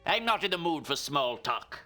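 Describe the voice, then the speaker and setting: A man's voice: fairly high pitch, very animated, normal speed, bright, forceful tone, faint music behind. An actor playing a crusty, curt old male pawn shop owner in a game. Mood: gruff. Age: older. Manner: gruff and curt. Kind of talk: 1990s game voice acting.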